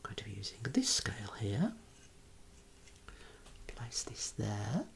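A man with a deep, low voice whispers gently through a clinic role-play, unhurried and careful. His pitch rises and falls in a lively way, and he drops in soft words of praise as he works. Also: vocal fry, a little hiss or hum. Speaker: clinician demonstrating eye and head measurements.

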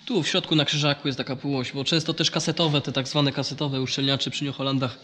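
A man's voice: mid-range voice, little pitch movement, fast, bright, forceful tone. A man with a nasal, congested voice from a blocked nose, explaining farm machinery in a casual, hesitant vlog style. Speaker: vlogger.

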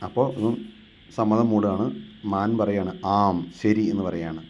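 A man teaching a textbook lesson. He reads Sanskrit lines slowly, explains them and asks rhetorical questions. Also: lowish voice, darkish tone.

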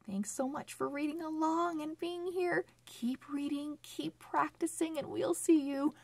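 A woman with a high-pitched voice hosts a children's read-along phonics lesson, sing-song and encouraging, enunciating in a deliberate, exaggerated way. There is no room sound.

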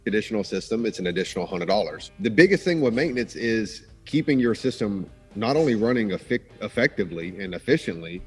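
A man's voice: fairly low pitch, animated, fast talker, hardly any pauses, breathy edge, soft background music. A man in his thirties, a business owner joining a radio interview by video call, explaining things in a matter-of-fact way. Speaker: HVAC business owner, guest. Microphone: video call webcam.

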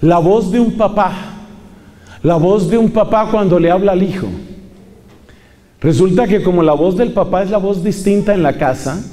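A man's voice: high-pitched, moderate pace, warm tone. A man preaching a sermon to a congregation, emphatic, repeating key phrases and putting questions to his listeners. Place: large church hall with congregation. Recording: long hall reverb.

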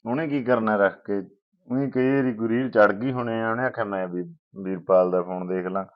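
A man playing a calm, placating elder brother. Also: lowish voice, brisk, lightly acted. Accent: Punjabi. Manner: soothing, placating. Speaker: elder brother in a family drama. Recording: dull lo-fi sound.

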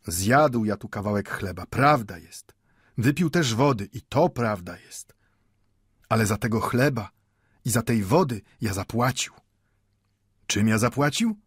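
A man's voice: fairly low pitch, expressive, unhurried, long pauses, husky, dry recording, studio quality. A man voicing an old, proud and impassioned male bookbinder with a Yiddish-inflected accent, arguing with rhetorical questions. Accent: Yiddish-inflected Polish. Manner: pleading, rhetorical questions, rising to fervor.

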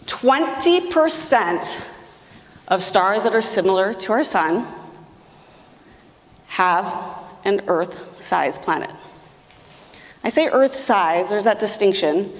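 A woman giving an enthusiastic public science lecture in a large lecture hall, speaking emphatically and talking straight to the audience. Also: medium pitch. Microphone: far camera, room mic. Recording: distant voice in a reverberant hall.

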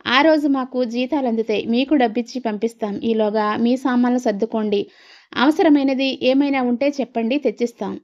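A woman's voice: fairly high pitch, steady tone, moderate pace, a little mellow, lo-fi sound, close to an everyday voice. A woman voicing a stern, fed-up older husband who lays down the law firmly to his wife. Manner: firm, scolding.

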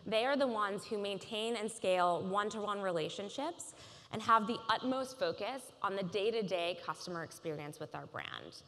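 A woman in her thirties delivers a polished, measured keynote from a large conference stage. Her voice is mid-pitched and carries a long reverb from the hall around her. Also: lively intonation, fairly bright tone. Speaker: keynote speaker.

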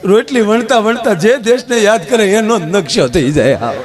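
A man's voice: sits high, animated, moderate pace, pitched above the performer's own voice. A man voicing a glum, henpecked married man in his forties who complains ruefully. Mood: complaining.

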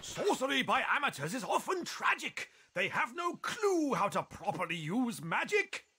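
A man's voice: very high-pitched, big pitch swings, normal speed, sharp tone, slightly rough, exaggerated voice. A man voicing a flamboyant, boastful and erratic wizard in a fantasy video game, declaiming theatrically in rhyme. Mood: scornful showmanship.

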